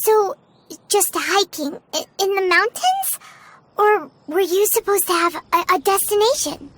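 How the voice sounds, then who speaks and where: A woman voicing a tiny, childlike, excitable companion in a video game, chirpy and a little bossy. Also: extremely high pitch, unhurried, slight background noise, exaggerated voice, rough recording. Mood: inquisitive. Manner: speaks of self in third person, excitable. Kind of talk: video game character acting. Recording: game music behind the voice.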